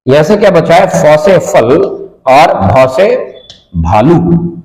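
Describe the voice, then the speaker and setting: A man's voice: on the high side, very animated, slow, darkish tone. A man teaching Hindi grammar in a classroom, explaining step by step and asking and answering his own questions, with a north Indian Hindi accent. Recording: roomy echoing classroom with long reverb.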